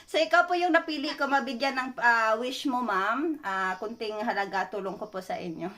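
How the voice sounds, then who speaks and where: A woman's voice: on the high side, normal speed, pushed and bright. A woman vlogger making a prank phone call, talking in a flustered, apologetic way and often laughing. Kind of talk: prank call and giveaway vlog.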